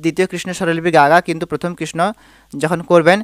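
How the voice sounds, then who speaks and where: Talking very fast in a clean, level, somewhat high voice, the man gives a music lesson with a Bengali accent. He teaches a devotional song on the harmonium, explaining with patience and singing short examples.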